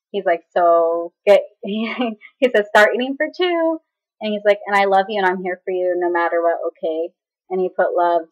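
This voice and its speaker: A young woman chattily retelling a personal story in a casual vlog, acting out what others said. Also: lowish voice. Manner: chatty, dramatic retelling with quoted voices and laughs. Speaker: vlogger. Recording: slightly dull lo-fi audio.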